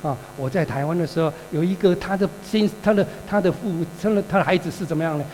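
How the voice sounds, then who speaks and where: A pastor preaching a sermon, telling the story vividly and calling out to the congregation for answers. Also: male voice, high-pitched, fast talker. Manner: animated storytelling, calls for congregation responses. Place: church hall. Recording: reverberant hall with mains hum.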